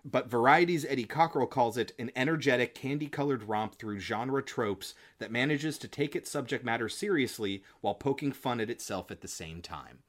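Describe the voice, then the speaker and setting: A man's voice: mid-range voice, moderate pace, few pauses. A man co-hosting a podcast, chatting casually and enthusiastically about films in informal language. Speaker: podcast co-host. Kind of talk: casual film review chat.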